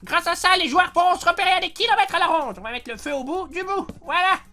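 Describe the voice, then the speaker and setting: A man voicing a cranky elderly woman who plays video games, prim in manner but quick to swear. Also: extremely high pitch, sharp tone, soft background music, exaggerated voice. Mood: prim chatty. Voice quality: prim old-lady voice turning crude. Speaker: parody youtuber. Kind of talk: comedic gameplay commentary.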